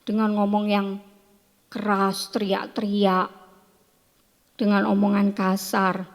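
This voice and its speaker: A woman teaching Sunday school, telling a Bible story to children in an animated way and asking them questions. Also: medium pitch, slow pace, in a large hall.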